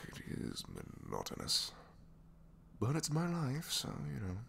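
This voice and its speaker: Here the reluctant, secretly kind supervillain inventor of an ASMR audio drama is played by a man in a full character voice, mid-range and pushed up, gravelly and fairly bright, with huge pitch swings. He speaks unhurriedly over a little hiss or hum, weary and wry. In this one-sided conversation he rambles hesitantly, mocks himself, sighs, adds trailing tag questions and drops to whispers.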